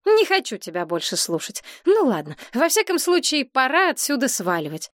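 A woman voicing a sensible young woman who talks in a brisk, exasperated way, recorded dry and close. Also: high-pitched, huge pitch swings, no echo, pitched above the performer's own voice.

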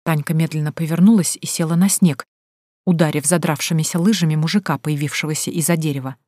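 A woman narrating a first-person story in a measured, expressive audiobook reading. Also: low-pitched, no room sound, clean studio sound.

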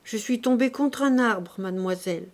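A woman's voice: on the high side, normal speed, natural voice. A dazed peasant girl stammers through her words with a thick, slurring tongue, as a woman reading an audiobook puts her on. She sounds like a drunk child in a storybook.

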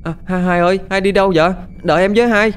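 A man puts on a timid little girl in a spoken ghost story, raising his voice high. She pleads anxiously. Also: a little slow, darkish tone, slight background noise, close to an everyday voice. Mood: frightened. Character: timid little village girl, the younger sister.

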